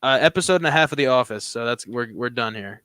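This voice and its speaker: A man's voice: mid-range voice, animated, fast talker, sharp tone, clean tone, no room sound. A man co-hosting a sports betting show, joking and swearing in casual banter. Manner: joking, profane, laid-back banter. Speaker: sports betting podcast co-host. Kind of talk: casual chat.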